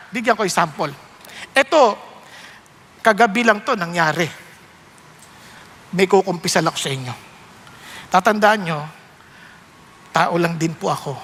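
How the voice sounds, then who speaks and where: A male pastor with a Filipino accent preaching a sermon, switching between Tagalog and English and jumping up high for emphasis. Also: sharp tone, big-room sound.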